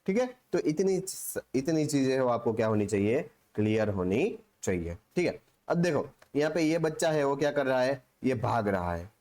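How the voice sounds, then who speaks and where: A man gives a Hinglish biology lecture in a medium-pitched, sing-song voice with a darkish tone, speaking at normal speed. He poses rhetorical questions and answers them himself, repeating things often and peppering his talk with "theek hai".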